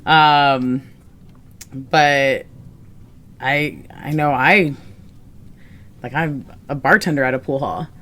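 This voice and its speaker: A woman's voice: very deep voice, slow, long pauses, fairly bright tone. A young woman co-hosting a casual podcast chat, rambling with lots of fillers and frequent laughs. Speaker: podcast co-host.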